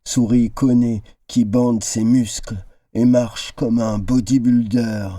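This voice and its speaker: A man reading his own tale aloud in an expressive storytelling style, now and then slipping into character voices. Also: slow, no room sound. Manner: shifts into character voices, high exclamations.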